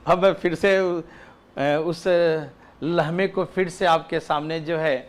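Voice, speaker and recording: High-voiced man teaching an online class. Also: fairly even intonation, takes it slowly. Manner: repetitive, keeps checking the class can hear him. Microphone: phone mic, battery ran out mid-class.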